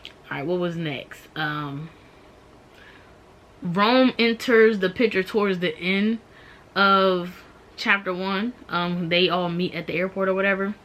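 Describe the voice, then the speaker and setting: A young woman chats casually through a book review, her voice sitting a little low. She talks loosely, with plenty of "um" and "like" fillers. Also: takes it slowly, a bit bright. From Maryland, USA. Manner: chatty, many "um" and "like" fillers.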